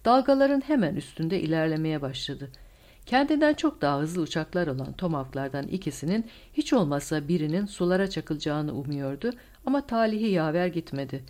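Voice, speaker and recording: Low, expressive woman narrating. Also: a little fast. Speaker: audiobook narrator. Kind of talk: scripted narration.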